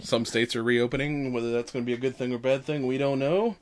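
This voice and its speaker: A man co-hosting a podcast in casual chat, halting and conversational, with some swearing. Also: mid-range voice, darkish tone. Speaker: podcast co-host.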